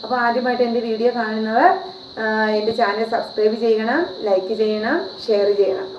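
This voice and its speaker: A woman with a slightly high voice teaches a video lesson, patient and repetitive, often posing questions to her viewers. The recording is roomy and dull, with a faint hiss behind her. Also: fairly even intonation, a little fast. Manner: patient, repeats and asks rhetorical questions. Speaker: Hindi teacher. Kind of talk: classroom-style video lesson.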